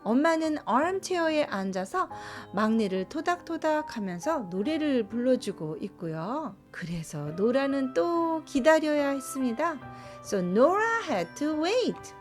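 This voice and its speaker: High, lilting woman reading a picture book, unhurried. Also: sing-song. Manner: slow, gentle and explanatory. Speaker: storyteller. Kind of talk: bilingual storybook reading. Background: soft background music.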